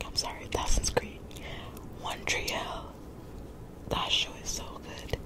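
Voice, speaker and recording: A woman in her twenties doing laid-back, rambling ASMR chat in a breathy whisper, close to the mic, softly repeating her phrases. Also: slow pace. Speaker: ASMR creator. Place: small bedroom, lying in bed. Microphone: desk condenser microphone very close to the mouth.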